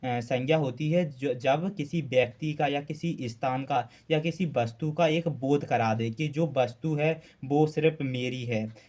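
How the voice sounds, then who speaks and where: A man's voice: mid-range voice, a little slow, hardly any pauses, a little mellow. A male Hindi grammar teacher giving a classroom lecture for exam students, asking questions and answering them himself, repeating key terms, with frequent "uh" fillers.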